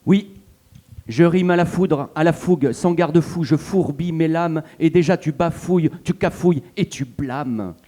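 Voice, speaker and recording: A man's voice: on the high side, unhurried, dark tone. A man performing a boastful, wordplaying troubadour in a live stage reading, firing off theatrical rhyming taunts. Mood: mocking.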